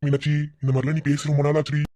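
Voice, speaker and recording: A woman voicing a young man who teases his wife and gently comforts his younger sister in a cartoon. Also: sits low, level tone, racing. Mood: playful. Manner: playful teasing, gentle comforting. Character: teasing young husband and caring older brother. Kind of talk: cartoon voice acting.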